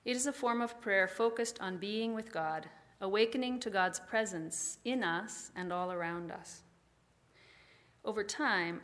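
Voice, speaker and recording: A woman preaching a calm, measured sermon and guiding listeners through slow breathing exercises. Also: mid-range voice. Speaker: pastor.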